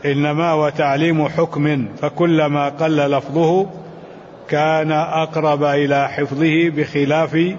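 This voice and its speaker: An older man teaching a scholarly lesson, reading texts aloud and explaining them in a measured way, chanting the quotations in a lilt. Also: fairly high pitch, flat delivery, darkish tone, in a large hall. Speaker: sheikh teaching a commentary. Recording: dull, lo-fi recording with faint noise.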